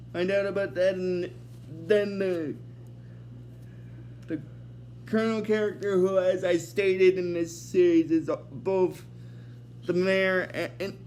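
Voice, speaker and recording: A man with a notably high voice talks through an episode recap in a loose, unscripted way. He rambles, restarts his sentences and keeps reaching for "basically." A faint hiss sits under his voice. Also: a little mellow. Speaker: host of an episode recap series.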